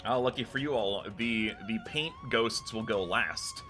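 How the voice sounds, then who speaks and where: A man running a tabletop game as game master, narrating scenes in a relaxed, storytelling way. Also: medium pitch, measured pace, faint music behind.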